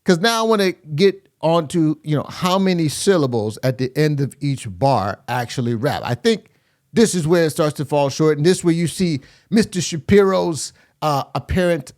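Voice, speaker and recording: Chatty man scatting beats while critiquing. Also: fairly high pitch. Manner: many fillers and restarts, scats rhythms aloud. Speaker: host reviewing rap verses. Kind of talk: casual reaction commentary.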